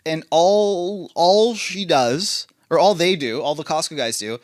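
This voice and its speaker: A man's voice: fairly high pitch, a little slow. A man co-hosting a podcast in casual chat, telling stories in a loose, rambling way. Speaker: podcast co-host.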